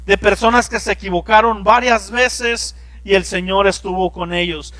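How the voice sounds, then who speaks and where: A middle-aged pastor delivers a sermon in a conversational way, weaving in personal stories. His voice is high for a man and bright, with a forceful edge. The sound is dry and close. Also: steady tone, normal speed, no echo. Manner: conversational preaching with personal anecdotes.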